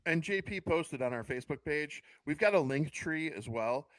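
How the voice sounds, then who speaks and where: A man's voice: on the high side, animated, moderate pace, fairly bright tone, no room sound. A man co-hosting a casual movie podcast, sarcastic and exasperated, swearing freely, on a close, dry mic. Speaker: podcast co-host.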